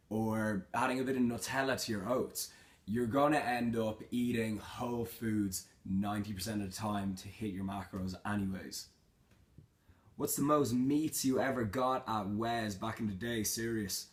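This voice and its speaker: A man's voice: lowish voice, normal speed. A young man in a casual Q&A vlog, reading out questions and answering them in an informal, matter-of-fact, slangy way. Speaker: fitness vlogger.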